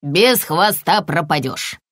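A woman voicing a wise, calm woodpecker in a children's story, measured and matter-of-fact. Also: lowish voice, no echo, clean studio sound. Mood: firm.

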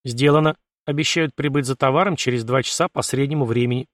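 A man's voice: mid-range voice, quick pace, no echo, natural voice. A man voicing a wry, sarcastic male ship artificial intelligence in an audiobook, with a dry, mocking, matter-of-fact delivery.

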